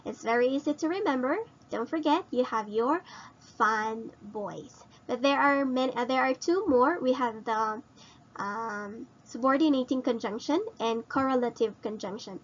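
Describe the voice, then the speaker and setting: A woman teacher slowly explaining grammar in a recorded lesson, asking her students questions and repeating points. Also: a little high, lo-fi sound. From Philippines.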